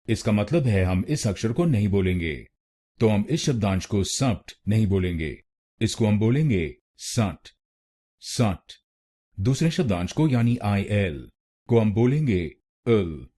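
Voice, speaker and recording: A man with an Indian accent talks through a pronunciation tutorial in a calm, scripted way. His voice is low, mellow and a bit husky. He moves very slowly and repeats each syllable with care. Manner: slow, deliberate, repeats words syllable by syllable. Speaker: pronunciation teacher.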